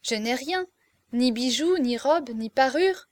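A woman reading aloud, voicing a gentle, shy young woman who answers softly and hesitantly. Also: high voice, animated, slow, slight background noise.

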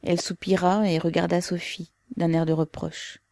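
A woman narrating a novel aloud in a measured, even storytelling manner. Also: lowish voice, gravelly, no echo. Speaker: audiobook reader. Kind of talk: scripted literary narration.

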